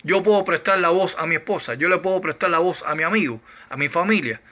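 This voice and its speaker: Man, Bible teacher, rhetorical questions, slow emphatic delivery, slightly high voice. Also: pushed and bright, lo-fi sound. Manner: argues through numbered rhetorical questions. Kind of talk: doctrinal Bible lesson.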